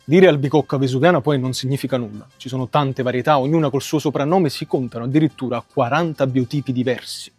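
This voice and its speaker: A man with a Neapolitan Italian accent presenting an educational story in an expressive, emphatic way. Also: medium pitch, fast talker, hardly any pauses, husky. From Naples area, Italy. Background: music.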